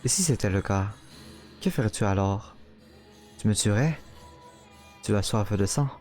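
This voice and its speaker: A man reading out a cruel, mocking male inner voice in a visual novel, taunting slowly and coldly. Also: lowish voice, lively intonation, darkish tone, soft background music.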